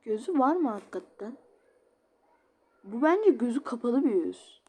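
A woman's voice: on the high side, very animated, unhurried, warm tone, slightly rough. A woman chatting casually while she plays a game, giggling often and reading chat messages aloud. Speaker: game streamer. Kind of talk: casual gameplay commentary.

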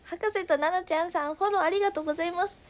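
A woman in her twenties from Nagasaki, chatting casually on a livestream with a Nagasaki dialect, reading viewer comments aloud and often dropping to a soft murmur. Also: very high voice, steady tone, rapid-fire, slight background noise. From Nagasaki, Japan. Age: 20s.

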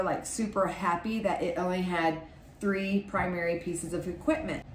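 A woman's voice: medium pitch, darkish tone, slight background noise. Woman, 40s, podcast host, casual upbeat coaching, home office, roomy echo, slightly distant mic. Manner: chatty, upbeat coaching with many fillers. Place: small home office room, indoors. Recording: echoey room, voice a little off-mic.

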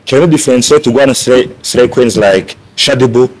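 A man's voice: medium pitch, normal speed, darkish tone, slight background noise, low-quality recording. Man, journalist, press questions, playful but polite.

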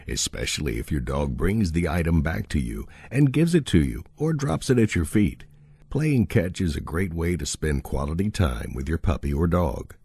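Male audiobook narrator, deep and mellow, lively intonation, reads instructions steadily. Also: slightly rough, dry recording, studio quality. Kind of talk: scripted narration of a dog-training book.

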